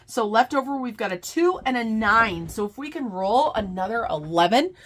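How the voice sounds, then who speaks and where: A woman's voice: a little high, expressive, normal speed. Congested woman chatting to her viewers. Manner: chatty, addresses viewers as "you guys". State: congested from a cold. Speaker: budgeting channel host. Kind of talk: casual budgeting vlog.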